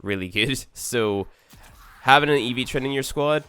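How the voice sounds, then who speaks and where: A man's voice: mid-range voice, normal speed, bright, forceful tone, smooth. A sleepy man who has just gotten out of bed gives a laid-back, rambling game tutorial full of fillers. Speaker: gaming YouTuber. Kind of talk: casual game tutorial commentary.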